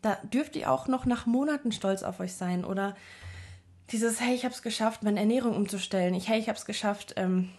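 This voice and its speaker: A young woman talks straight to her viewers in a loose, reflective monologue. She is earnest and rambling, full of little fillers and restarts as she gives advice, and her voice sits at an ordinary middle pitch. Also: normal speed, a little mellow, slightly rough. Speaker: vlogger giving self-help advice.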